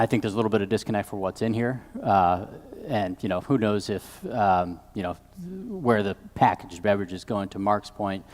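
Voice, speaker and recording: A low male voice rings with long hall reverb. He judges off the cuff, giving direct and emphatic advice. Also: darkish tone. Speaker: competition judge. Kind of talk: off-the-cuff panel critique.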